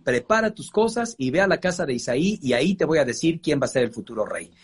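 God speaks firmly and plainly, a calm, commanding elder figure, as a Mexican preacher puts him on. The voice carries a husky edge and a slightly high, light tone. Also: male voice, fast.

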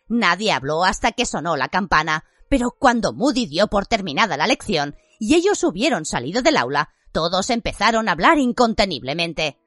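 A woman narrating a story in an expressive, scripted way. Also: mid-range voice, no echo, clean studio sound. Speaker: audiobook narrator.

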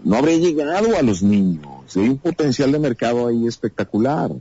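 A man's voice: mid-range voice, fairly quick, breathy edge, no room sound, dull audio. A man with a Mexican accent, a voice actor guesting on a podcast, telling stories and acting out the dialogue he quotes. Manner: animated storyteller who acts out quoted dialogue. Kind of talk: casual podcast interview.

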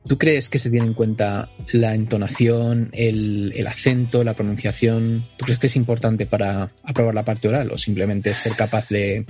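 A man interviewing on a podcast, asking questions haltingly while he searches for words. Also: on the low side, level tone, a little mellow, soft background music.

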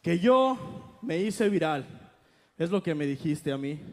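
A man in a live freestyle rap battle, firing off aggressive rhymed taunts and breaking into shouts. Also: a little high, lively intonation, takes it slowly. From Mexico. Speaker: battle rapper. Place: live event stage. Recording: loud hip hop beat behind the voice. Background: loud hip hop beat.

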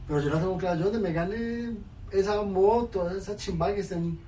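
A young man, chatting casually on a stream, loud and slangy with free swearing. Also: sits high, normal speed, distant mic. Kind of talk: casual chat on a live stream. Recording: roomy, off-mic, faint background noise.

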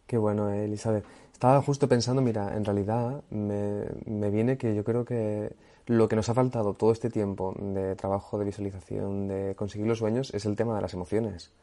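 A man's voice: lowish voice, fairly even intonation, normal speed, mellow. A male host responding to his guest, reflecting and thinking aloud. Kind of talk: interview conversation.

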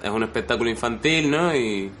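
An actor playing a scruffy, educated young man who speaks hesitantly and deliberately. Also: medium pitch, lively intonation, fairly bright tone, slight background noise, lightly acted. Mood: thoughtful.

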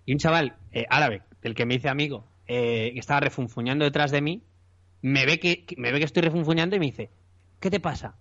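A young man with a Spain Spanish accent tells a comic anecdote on a podcast, acting out the people in his story with animated energy. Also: mid-range voice, fairly quick, no echo, muffled recording.

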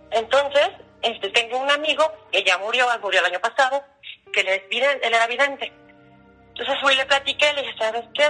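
A woman's voice: fairly high pitch, rough recording. A middle-aged woman with a Mexican accent, casually telling a personal ghost story and acting out the dialogue. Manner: animated, acts out dialogue in her telling. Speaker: guest storyteller.

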